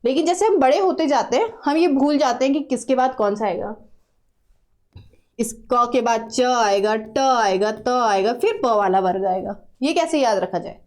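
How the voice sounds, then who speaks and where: A woman's voice: fairly high pitch, moderate pace, a little mellow. A woman teaching a grammar lesson patiently, repeating sounds and asking students to try them aloud. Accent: Uttarakhand Hindi. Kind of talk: classroom lesson.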